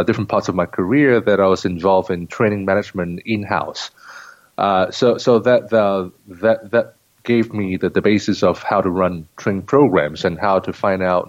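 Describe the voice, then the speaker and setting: Deep-voiced Singaporean man, hesitant. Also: dry recording, muffled recording. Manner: hesitant, many restarts and fillers. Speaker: guest, leadership trainer and consultant. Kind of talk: interview conversation.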